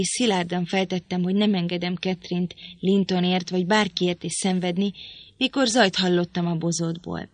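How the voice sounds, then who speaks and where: Female audiobook narrator, low voice, measured delivery, dry close sound. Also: dry recording. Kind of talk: scripted narration of a novel.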